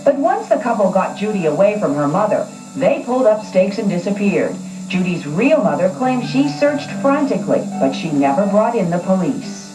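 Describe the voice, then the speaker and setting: A woman's voice: mid-range voice, big pitch swings, moderate pace, few pauses. A woman reporter narrating a scripted tabloid news story in a dramatic storytelling manner, recorded on old, echoey TV sound. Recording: echoey, distant old TV broadcast with music.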